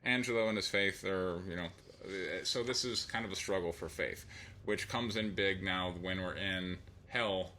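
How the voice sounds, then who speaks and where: A man's voice: deep voice, moderate pace, pushed and bright, slight background noise. A man giving an opinionated, casual spoken review of a comic book, thinking aloud as he goes.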